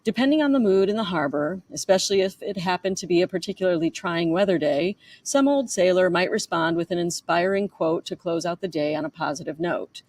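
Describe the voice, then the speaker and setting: Woman, author reading her own memoir; fairly low voice, chatty delivery with offhand asides and quick self-corrections. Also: lively intonation, darkish tone. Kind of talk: reading a memoir chapter aloud.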